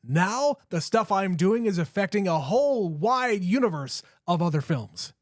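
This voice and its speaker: A man's voice: sits high, animated, measured pace, no echo, studio quality. A man in his late thirties co-hosting a podcast, chatting casually, swearing freely and restarting his sentences. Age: 30s. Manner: profane, enthusiastic, stammering restarts. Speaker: podcast co-host. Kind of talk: casual chat.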